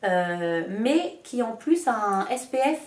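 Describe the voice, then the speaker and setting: A woman's voice: fairly high pitch, expressive, slow pace. Chatty French woman in echoey room. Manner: chatty, lots of hesitations and self-mocking asides. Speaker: beauty vlogger. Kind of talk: casual haul chat.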